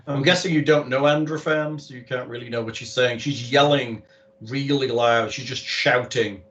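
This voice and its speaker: A man's voice: mid-range voice, fairly even intonation, normal speed, a bit bright, muffled recording. A man acting as game master, casually narrating a tabletop game and making rulings.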